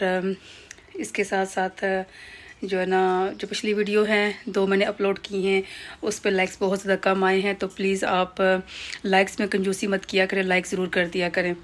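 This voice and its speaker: A woman in her thirties from Pakistan, chatting casually on a home vlog, rambling with fillers and restarts, recorded on a phone camera indoors. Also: medium pitch. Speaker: vlogger. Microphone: phone camera held close.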